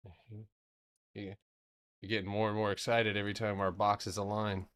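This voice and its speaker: Forceful low-voiced man chatting on stream. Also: flat delivery, moderate pace, clean tone. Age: 30s. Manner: loose and chatty, swears, laughs, answers chat. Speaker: trading stream host. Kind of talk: casual live-stream chart commentary.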